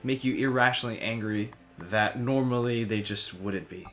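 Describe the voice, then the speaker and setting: A man's voice: mid-range voice, normal speed, a bit bright, soft background music. A man co-hosting a let's play, talking in a loose, casual conversational style. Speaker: gaming show co-host. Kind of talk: casual chat.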